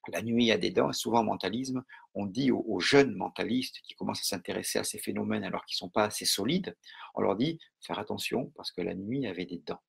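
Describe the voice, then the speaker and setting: Homme à la voix rauque et grave. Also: male voice, on the low side, vocal fry, breathy edge. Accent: French. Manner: calm, measured, with many pauses and fillers. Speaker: mentalism teacher. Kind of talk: live online lesson.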